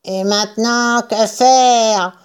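A woman voicing a short, pot-bellied male farmer with a whining, drawn-out delivery. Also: a little high, fairly even intonation, smooth. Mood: whiny.

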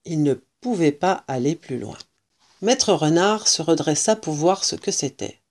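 A woman reading a children's storybook aloud as narrator, slowly and expressively. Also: low voice, lively intonation, darkish tone.

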